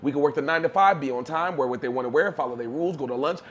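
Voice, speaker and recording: Emphatic high-voiced man preaching. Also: rapid-fire, slight background noise. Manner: preachy, emphatic, street slang. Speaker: podcast co-host. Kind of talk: motivational podcast talk.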